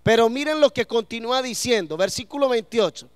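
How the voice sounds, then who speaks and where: A man's voice: very high-pitched, brisk, clear, resonant tone, dry recording, clean studio sound. A man preaching a sermon to a congregation in church, asking them questions and letting them answer.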